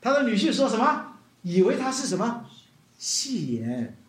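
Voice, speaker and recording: Animated high-pitched male preacher. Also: a little slow, roomy sound. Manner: animated, mixes in English words, acts out quoted voices. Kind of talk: sermon.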